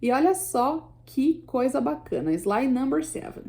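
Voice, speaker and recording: Gravelly-voiced woman teaching English. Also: sits high, lively intonation, a little slow, warm tone. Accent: Brazilian Portuguese. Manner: patient explanations, frequent checking questions. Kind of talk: slide-based language lesson.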